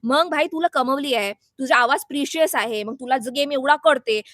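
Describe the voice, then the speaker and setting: A woman's voice: sits high, normal speed, fairly bright tone, dry recording, clean studio sound. A young woman vlogger giving her sarcastic, indignant take on a reality show, scolding and mixing in English and Hindi words. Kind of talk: opinionated reaction vlog.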